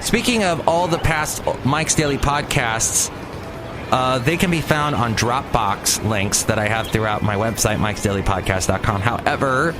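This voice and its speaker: Over music and the hum of street traffic, a man hosts his own podcast near a cafe in a mid-range voice at a measured pace. His news commentary is rambling and opinionated, and he often stumbles on words.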